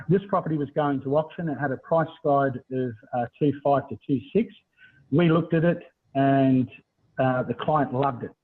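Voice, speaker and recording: Over thin, phone-like video call audio, a middle-aged Australian man presents a conversational webinar as a property buyers agent. His voice sits in the mid-range with a breathy edge.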